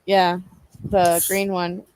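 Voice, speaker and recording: A young woman co-hosting a live online show, talking in a relaxed, halting way with many ums. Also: fairly low pitch, noisy background. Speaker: co-host of a live advocacy show. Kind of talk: casual chat.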